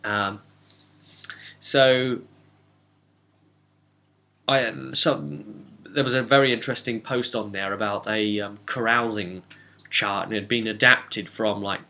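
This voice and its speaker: A British tabletop role-play game master and host rambles casually through a session recap, chatty and wry, often interrupting himself. His voice is lowish, pushed and bright, with fairly even intonation. He speaks unhurriedly, leaving long pauses.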